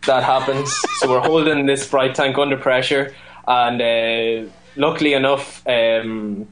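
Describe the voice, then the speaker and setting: Irish brewer guest on the line, casual, rambling, filler-heavy storyteller. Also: male voice, mid-range voice, fairly even intonation, unhurried, a bit bright. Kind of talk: casual phone-in chat. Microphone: phone line.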